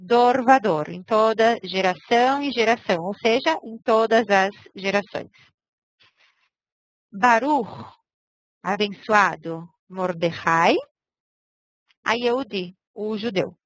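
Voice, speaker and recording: A woman's voice: medium pitch, slow pace, long pauses, dry recording, rough recording. A woman teaching a language lesson, patiently explaining step by step and checking in with her students. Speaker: Hebrew teacher.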